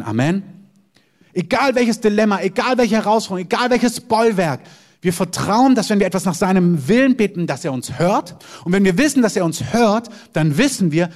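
A man's voice: sits high, a little mellow. A man preaching a sermon as pastor, emphatic and repeating amens.

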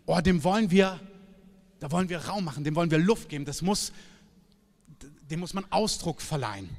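Preacher, male, high voice, emphatic conversational sermon, long hall reverb. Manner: lively, emphatic, conversational preaching with sudden loud bursts.

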